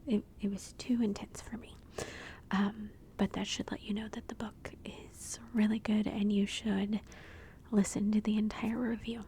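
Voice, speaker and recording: A woman speaking softly in a hushed, breathy near-whisper, gently and unhurriedly giving an ASMR book review. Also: mid-range voice, flat delivery, moderate pace, a little hiss or hum.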